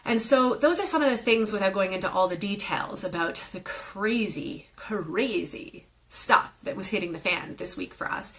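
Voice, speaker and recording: Her medium-pitched, slightly bright voice moves at a normal speed with few pauses, though the recording is rough. She's a meditation teacher in her thirties, speaking earnestly and emotionally about spiritual matters on a live video stream via phone or webcam, then leading a guided meditation.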